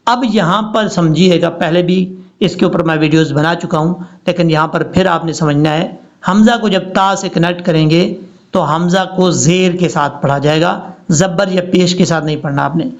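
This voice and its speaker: A man teaching Quran recitation, chanting words slowly and drawn out between quick, plain explanations. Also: fairly high pitch, highs cut off. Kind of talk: recitation lesson.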